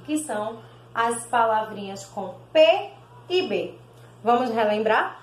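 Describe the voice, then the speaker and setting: A Brazilian woman teaching a primary school class on video, sounding out words slowly syllable by syllable and calling the pupils "my loves". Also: sits high, echoey room, rough recording. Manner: slow, sounds out words syllable by syllable, calls pupils "meus amores".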